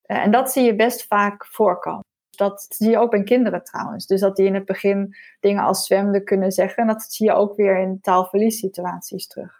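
A woman's voice: medium pitch, steady tone, a little fast, darkish tone. Explaining woman language researcher. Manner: thoughtful, explanatory, frequent hesitations. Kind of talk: explaining in an interview.

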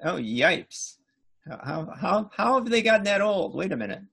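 A man's voice: high-pitched, sing-song, a little slow, creaky, fairly bright tone, breathy edge. Affable chatty middle-aged male host. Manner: affable, lots of agreeing fillers. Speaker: podcast host. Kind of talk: casual interview chat.

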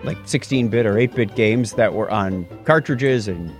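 At a moderate pace and fairly low pitch, this podcast co-host wanders through tech talk, correcting himself with lively energy. Faint music sits in the background.

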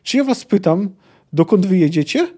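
A proud, defiant teenage girl, voiced by a man reading aloud. Her lines come short and clipped, pitched high with a dark, mellow tone. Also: lively intonation, normal speed.

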